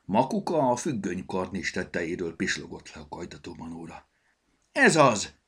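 A man narrating a children's audiobook in an expressive storytelling manner. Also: sits low, gravelly, breathy edge.

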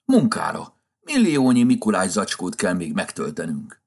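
A man's voice: low voice, vocal fry, husky, exaggerated voice. A man voicing a grumpy, flustered old Santa Claus in a storybook reading, with a scolding, impatient manner. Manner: scolding, then tender and excited.

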